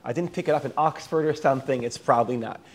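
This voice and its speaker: Husky-voiced Israeli man teaching Bible. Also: mid-range voice, quick pace. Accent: Israeli, sounding American. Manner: thinks aloud, restarts words, mixes in Hebrew terms. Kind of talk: lecture.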